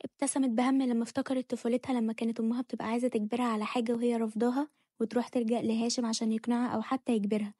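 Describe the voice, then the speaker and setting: Brief: egyptian woman narrating a romance novel, very fast, monotone, dry close sound. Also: a little high, husky, no room sound. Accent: Egyptian Arabic. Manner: rapid, flat storytelling.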